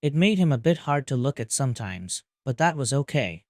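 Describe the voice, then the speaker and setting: A man narrates a story in an even, calm manner at a medium pitch. The recording is dry and close, with no room sound. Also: a little fast, no echo. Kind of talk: scripted narration of fan fiction.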